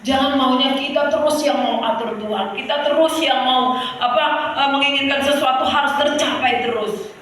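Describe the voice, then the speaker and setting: High-voiced woman preaching in an echoey hall. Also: normal speed, a bit bright, slight background noise. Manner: calls to the congregation, sometimes breaks into song. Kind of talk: sermon. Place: church hall. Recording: echoey hall, heard from far off.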